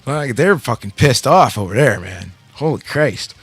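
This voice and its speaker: A man's voice: medium pitch, animated, measured pace, breathy edge. A man hosting a radio show in casual chat, talking in a heavily profane, slangy music-fan way.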